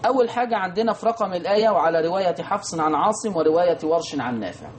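Fast-talking Egyptian sheikh teaching recitation. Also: male voice, high-pitched, a little hiss or hum. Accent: Egyptian Arabic. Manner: lively teaching, answers imagined student questions, chants verses slowly. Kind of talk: televised recitation lesson.

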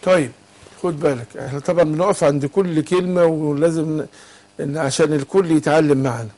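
An Egyptian man with a high voice teaches Quran recitation rules on a call-in lesson. He talks patiently and keeps prompting his student to complete each word. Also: steady tone, brisk, darkish tone. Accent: Egyptian Arabic. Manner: patient, asks students to fill in words.

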